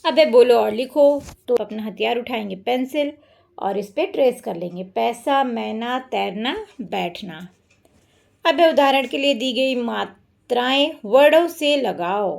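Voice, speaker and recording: A woman's voice: fairly high pitch, lively intonation, measured pace, creaky, darkish tone. A woman teacher explaining a children's workbook lesson step by step.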